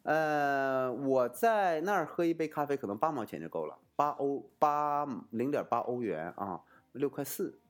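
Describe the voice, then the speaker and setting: A man's voice: mid-range voice, a little slow. A man advising on study abroad in casual explanatory talk, asking himself rhetorical questions and often restarting with fillers. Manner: animated, swooping intonation.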